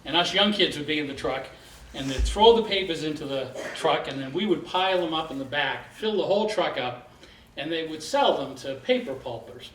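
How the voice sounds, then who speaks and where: A man of about sixty tells a childhood story in a plain, measured voice, pitched a little high for a man. He sounds distant in a roomy space, with faint noise behind. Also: expressive, fairly bright tone. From Boston area. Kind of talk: live storytelling. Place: theater stage before an audience.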